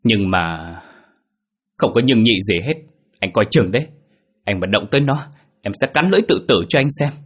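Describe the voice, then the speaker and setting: A man's voice: fairly low pitch, brisk, breathy edge. A man voicing a frightened, fiercely protective pregnant young wife who pleads and sobs in panic.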